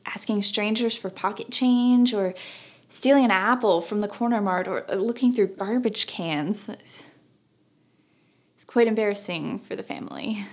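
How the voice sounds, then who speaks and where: A young woman acting a dramatic monologue as a grieving daughter, with a sorrowful, measured delivery and hushed phrase endings. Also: mid-range voice. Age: young adult. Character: grieving daughter recalling her dead father, wistful and sorrowful. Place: plain studio, indoors.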